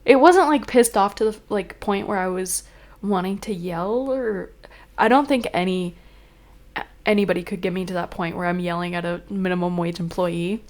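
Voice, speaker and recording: A young woman vlogs in a chatty, rambling way, her speech full of fillers as she vents with clear exasperation. Her voice sits on the low side with a darkish tone and normal speed, and she sounds a little congested, sniffling now and then, in a casual chat.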